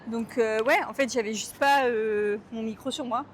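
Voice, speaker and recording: A woman's voice: fairly high pitch, fairly even intonation, moderate pace, a little hiss or hum. A young woman vlogging casually to camera, rambling and self-mocking with slang and fillers, upset and hungry. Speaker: travel vlogger. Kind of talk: casual vlog chat to camera. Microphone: camera mic.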